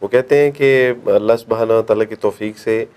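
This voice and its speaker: A middle-aged man answering as an interview guest, with measured, devout phrasing. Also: lowish voice, darkish tone, smooth. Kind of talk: interview conversation.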